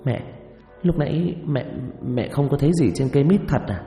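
A man's voice: mid-range voice, lively intonation, moderate pace, mellow, close to an everyday voice. A man putting on a panicky, stammering young village woman. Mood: pleading. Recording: echoey reverb with faint music.

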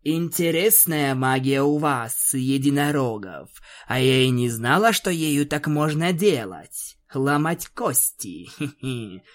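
A man voicing a cruel, commanding dark female creature who gives cold, hissing orders. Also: medium pitch, lively intonation, slow pace.

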